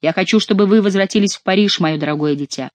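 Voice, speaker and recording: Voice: mid-range voice, fast talker, no echo, close to an everyday voice. A reader voicing an aging queen mother who is imperious yet pleading, in a theatrical audiobook reading. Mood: coaxing.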